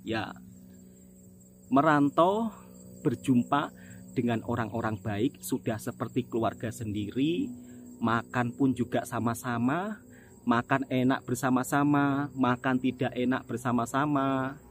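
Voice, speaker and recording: A middle-aged Indonesian migrant laborer who vlogs speaks earnestly to his viewers in a casual monologue, often calling them his friends. His voice is medium in pitch and a little slow, with frequent pauses. Slight background noise is present.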